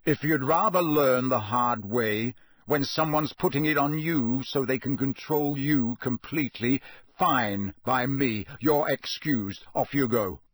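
A man voicing a gruff, commanding old wizard teacher in an audiobook, growling and barking out forceful orders. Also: medium pitch, a little slow, no echo, studio quality, lightly acted. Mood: stern.

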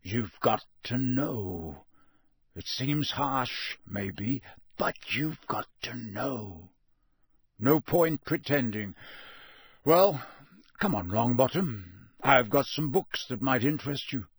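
A man voicing a gruff, intense old professor in an audiobook, growling out stern, emphatic warnings. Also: medium pitch, animated, takes it slowly, dry recording, clean studio sound. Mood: gentler, gruff. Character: gruff old battle-scarred male professor, intense and commanding. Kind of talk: audiobook character voice.

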